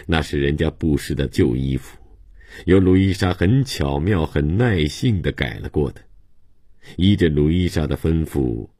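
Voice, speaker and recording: Deep husky male storyteller. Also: no echo, clean studio sound. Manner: calm, measured storytelling. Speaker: audiobook narrator. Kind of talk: literary novel narration.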